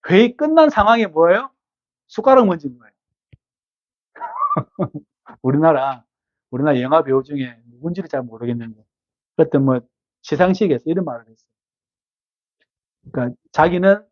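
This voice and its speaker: Brief: high-voiced male pastor, conversational sermon with rhetorical questions; dull, dry recording. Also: dry recording. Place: church at an evening service.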